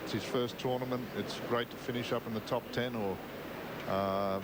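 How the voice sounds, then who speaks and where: A man's voice: mid-range voice, fairly even intonation, moderate pace. A man giving informal, colloquial analysis as a golf commentator on a live broadcast. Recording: very noisy outdoor broadcast sound.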